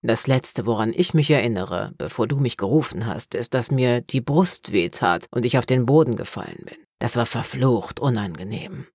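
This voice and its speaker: A woman voicing a calm, polite old dead man with a hoarse, quiet voice. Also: normal speed, hardly any pauses, no room sound, clean studio sound, exaggerated voice. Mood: weary. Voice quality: hoarse, low grumble.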